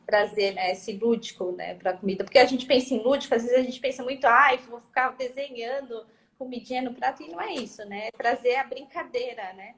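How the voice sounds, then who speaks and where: A woman's voice: a little high, brisk, a bit bright. A woman with a Brazilian Portuguese accent, a guest consultant for mothers, chatting in an agreeable way and sharing practical tips. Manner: agreeable, fillers and restarts, gives practical tips. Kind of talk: casual live-stream conversation. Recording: echoey room sound.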